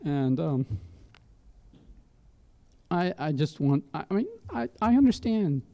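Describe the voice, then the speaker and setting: Man, emotional, halting earnest testimony, gravelly, dark tone. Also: on the high side, sing-song. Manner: halting, earnest, with repeated restarts. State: emotional, voice catching. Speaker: public hearing speaker, parent of applicant. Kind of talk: public testimony.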